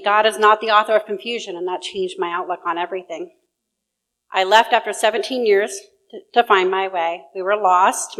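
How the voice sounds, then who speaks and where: A woman's voice: mid-range voice, low-quality recording. Middle-aged woman giving earnest testimony. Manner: earnest, steady recounting. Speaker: church member giving testimony. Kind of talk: reading a personal testimony. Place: church sanctuary.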